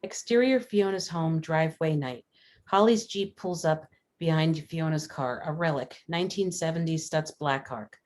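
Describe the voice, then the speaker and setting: This is scripted narration from a table read: a woman delivers screenplay stage directions without fuss. She has a low, somewhat mellow voice and keeps a normal pace.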